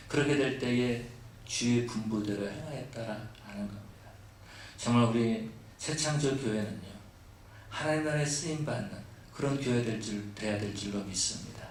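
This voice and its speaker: A man's voice: medium pitch, normal speed, a little hiss or hum. A man preaching a sermon as pastor, breaking from plain storytelling into fervent, prayer-like appeals. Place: church sanctuary. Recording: echoey church hall from far off.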